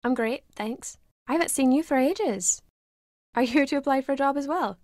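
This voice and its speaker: An actress voicing a polite, careful young mother in a video game, speaking in a measured, slightly wary way. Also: sits high, a little mellow, no room sound, studio quality, lightly acted.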